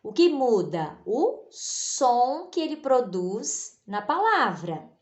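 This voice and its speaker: A woman teaching children spelling, patient and drawing words out slowly to stress each sound. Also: on the high side, sing-song. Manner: slow, patient, stretches words out for emphasis. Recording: echoey room.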